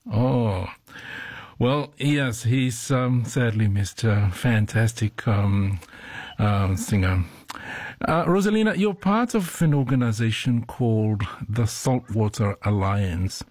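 A man hosting a radio interview program, asking questions in an unhurried way with many pauses and fillers. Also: on the low side, lively intonation, a little mellow, no room sound.

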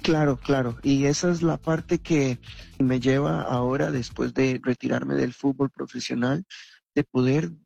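A former footballer from Costa Rica, speaking with a Costa Rican accent, answers interview questions earnestly, with many fillers. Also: male voice, medium pitch, steady tone, a little slow, creaky, a little mellow, breathy edge, lo-fi sound. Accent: Costa Rican Spanish. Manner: earnest, reflective, with frequent fillers.

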